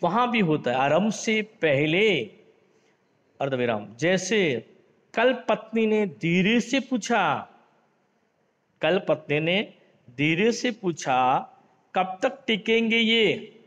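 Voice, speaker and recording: Slow, lively male teacher in a reverberant room. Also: high voice. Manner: explains slowly with examples, mixes in English words, addresses the class as friends; reads example sentences in a lifted, acted voice. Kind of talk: classroom grammar lesson. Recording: dull lo-fi sound in a reverberant room.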